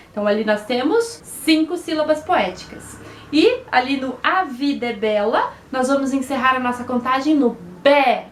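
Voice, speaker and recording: A Brazilian woman with a slightly high voice teaches poetry to children at a patient pace. She spells out syllables and checks in with a questioning "né?". The room sounds echoey, with a faint hiss underneath. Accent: Brazilian Portuguese. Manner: slow, syllable-by-syllable explanations with frequent "né?". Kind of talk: online lesson for children.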